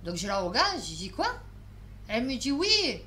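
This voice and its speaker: Woman vlogger, tired, chatty storyteller, slightly high, bright and forward tone. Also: big pitch swings, normal speed. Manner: chatty, swears, many fillers and restarts. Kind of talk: casual storytelling to camera.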